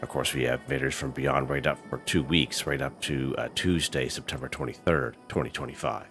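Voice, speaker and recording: A man with an extremely deep voice gives relaxed, chatty gameplay commentary. He sounds stuffy from a head cold, and faint music sits under his talk. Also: fairly quick. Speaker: gaming channel host.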